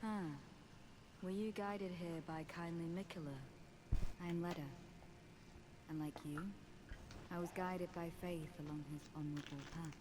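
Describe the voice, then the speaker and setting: A very low, solemn voice speaks with formal, old-fashioned earnestness: a devout woman warrior from a game. Steady background noise sits under her lines in the game audio. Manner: formal, earnest, archaic speech.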